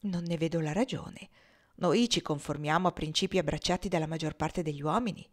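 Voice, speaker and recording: Woman reading as mocking cynical gentleman. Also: low-pitched, brisk. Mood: amused, cynical. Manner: mocking, laughs while talking. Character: sardonic wealthy Southern gentleman, cynical, amused.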